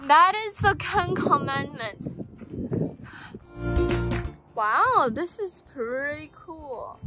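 A woman's voice: high-pitched, expressive. A young woman narrating a casual travel vlog into a phone held at arm's length, cheerfully describing the places she visits. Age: young adult. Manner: slow, cheerful commentary to the camera. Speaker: vlogger. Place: in a car and outdoors on a trip. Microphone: phone camera at arm's length. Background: background music.

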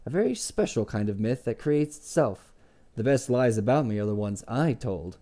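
A man's voice: mid-range voice, animated, moderate pace, dark tone, lightly acted. A man reading aloud and voicing a guarded innkeeper with a dry, cutting, sarcastic way of talking. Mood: sardonic. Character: guarded sardonic male innkeeper, middle-aged.

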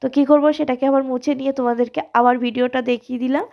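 Tutorial host: woman, hoarse cold-roughened voice with gravelly fry, high and fairly flat, chatty and viewer-directed. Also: very fast, dull audio. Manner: friendly, addresses viewers directly and informally. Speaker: alta design tutorial host. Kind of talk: casual step-by-step tutorial.

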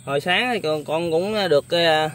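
A man's voice: a little high, normal speed, a bit bright, slight background noise. A young man hosting a casual interview, speaking politely with many hesitant fillers. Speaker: vlogger host.

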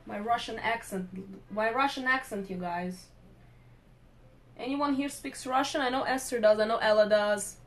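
A woman's voice: fairly high pitch, normal speed. A young woman hosting a makeup live stream, chatting playfully with viewers as she works. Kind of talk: casual live-stream chat while doing makeup.

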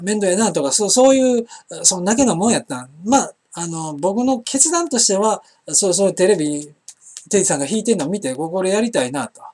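Chatty Osaka-accented man with lively pitch. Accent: Kansai (Osaka). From Osaka, Japan. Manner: chatty, rambling, frequent fillers and restarts. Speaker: internet broadcast host. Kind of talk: casual solo live-stream chat, reading viewer comments.

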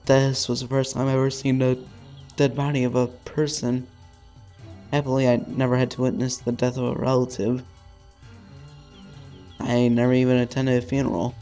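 With quiet game music underneath, a let's play host with a mellow, medium-pitched voice gives dramatic readings of visual novel narration. Occasionally he stumbles on the words.

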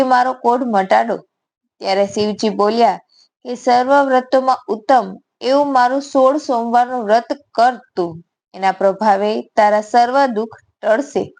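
Woman, Gujarati accent, devotional story narration, steady reading voice, slightly high pitch, gravelly.

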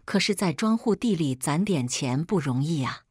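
A woman reading as a gentle old grandmother. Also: low voice, animated, normal speed, husky, dry recording, studio quality. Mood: tender. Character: elderly grandmother, gentle and tearful. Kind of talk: read-aloud storytelling.

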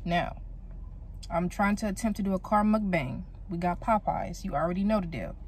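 A young woman talks straight to the camera from inside her car, loose and slangy, the way a vlogger chats with viewers. She records on a phone propped by the steering wheel. Steady car and street noise runs underneath her voice. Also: lowish voice, moderate pace. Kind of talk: casual car mukbang vlog.

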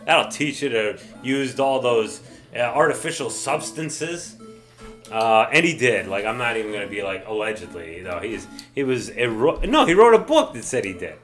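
A man giving loose, tipsy commentary on a baseball video game, his voice bright and forceful with a very lively, jumpy pitch. He cheers, groans and mutters mild curses at the players. Faint guitar music plays softly behind him. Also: normal speed. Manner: excitable, swears mildly, yells at the game. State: says he is drunk. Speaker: let's play gamer.

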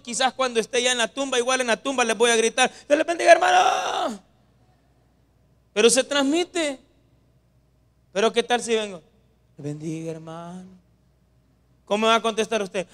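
A male pastor delivers a lively Sunday sermon. His voice sits high for a man, and he keeps turning to the congregation as brothers and sisters. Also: a little fast, smooth. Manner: animated, addresses listeners as brothers.

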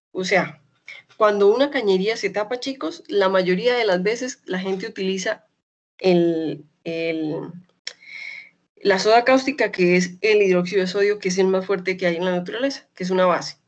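A young adult woman with a Colombian accent from Medellín, teaching an online chemistry class in a chatty way. She keeps checking in with her students and slowly repeats key terms. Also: mid-range voice, muffled recording. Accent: Colombian Spanish, Medellín.

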